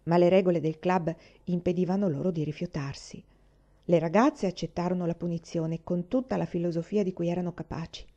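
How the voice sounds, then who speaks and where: A woman reading a children's novel aloud with steady narration. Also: lowish voice, fairly quick, lo-fi sound. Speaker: audiobook reader. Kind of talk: storybook reading.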